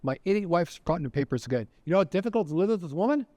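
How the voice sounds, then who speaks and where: A man voicing a male train passenger who loudly scolds a woman as if she were his careless wife. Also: a little high, expressive, fast, no echo, natural voice. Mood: exasperated. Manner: shouting, exasperated ranting.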